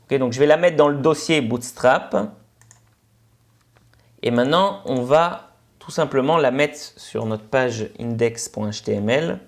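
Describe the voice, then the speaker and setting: A man with a Senegalese French accent gives a screencast coding lesson, his voice sitting at an ordinary middle pitch. He explains step by step in a relaxed, chatty way, often pausing on "ok" and "euh". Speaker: instructor.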